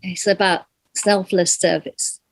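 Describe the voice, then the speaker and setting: A middle-aged woman from Malaysia, a singer being interviewed, speaking gently and thoughtfully and pausing to find her words. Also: medium pitch, fairly even intonation, dry recording, rough recording. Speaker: guest, kirtan singer. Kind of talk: reflective interview conversation.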